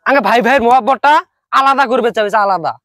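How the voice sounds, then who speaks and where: Whiny complaining man, high voice. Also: quick pace, pushed and bright, no room sound, studio quality. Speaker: comedy skit actor. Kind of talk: comedy skit acting.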